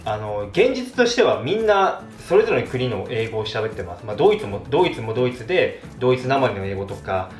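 A man from Japan, a vlogger chatting casually to camera, animated as he demonstrates pronunciations and chuckles often. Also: mid-range voice, a little fast, few pauses. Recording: echoey room, faint background music.

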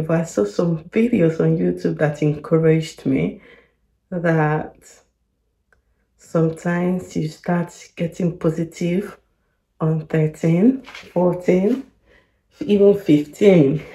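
A woman's voice: fairly low pitch, steady tone, slow, gravelly, dark tone. A young woman just out of bed with a morning voice, talking candidly to her camera at home in a worried but hopeful way. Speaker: vlogger. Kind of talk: casual vlog to camera.

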